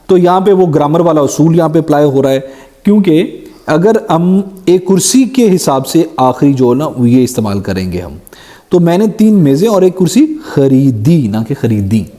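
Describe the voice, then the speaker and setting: Young male teacher, grammar lesson, lively pitch, mellow tone, explains corrections step by step, drops in English phrases. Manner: explanatory, mixes English phrases, reads sentences slowly then corrects. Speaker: Urdu teacher. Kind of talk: exam-prep grammar lesson.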